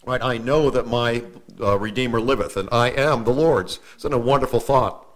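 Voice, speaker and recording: A man preaching a sermon, mixing folksy stories with slow, careful readings of scripture and correcting himself as he goes. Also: mid-range voice. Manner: homespun asides and self-corrections, slows for scripture reading.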